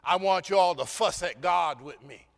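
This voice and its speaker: A man's voice: sits high, a little slow, gravelly, big-room sound. A man preacher voicing the older widow Naomi, bitter and grieving, in a church sanctuary. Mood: bitter anger. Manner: pleading, then bitter and raging.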